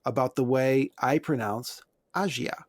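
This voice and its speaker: A man's voice: mid-range voice, unhurried, dry recording, clean studio sound. An American man co-hosting a podcast, reading listener emails aloud and adding wry asides in casual chat. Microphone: close podcast microphone.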